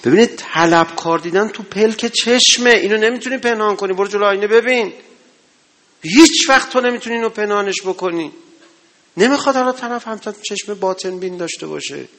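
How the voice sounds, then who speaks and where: A man preaching with real fervor, his voice gravelly and sitting a little high. He swings from loud, pleading exhortation down to low, quiet asides. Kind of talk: religious sermon. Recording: sermon to a live gathering.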